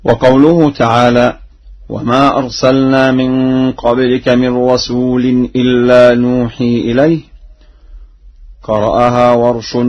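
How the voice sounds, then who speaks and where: رجل عالم بالقراءات يشرح في درس إذاعي ديني بإلقاء رصين، ويرتل شواهد قصيرة من الآيات بين الشرح. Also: male voice, medium pitch. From Egypt. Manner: measured formal explanation with short chanted verse recitations. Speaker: Quran recitation scholar. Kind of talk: broadcast religious lesson. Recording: muffled old radio broadcast.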